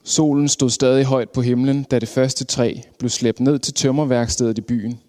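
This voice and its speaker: A man reading a storybook aloud with expressive narration, slowing down for dramatic moments. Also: medium pitch. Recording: long hall reverb.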